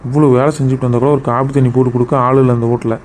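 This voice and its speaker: A man's voice: mid-range voice, flat delivery, very fast, darkish tone, slight background noise, close to an everyday voice, rough recording. A man voicing a sheepish gambling husband. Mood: defensive. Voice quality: defensive, excuse-making manner. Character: sheepish village husband who gambles away wages. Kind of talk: cartoon drama voice acting.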